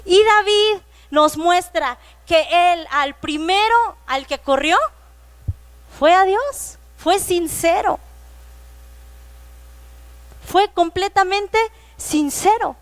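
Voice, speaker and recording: A woman with a Mexican Spanish accent delivers a sermon in a high voice, slowing down to read scripture with emphasis. She retells stories and briefly puts on the voices of children. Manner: reads scripture slowly and emphatically. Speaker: preacher.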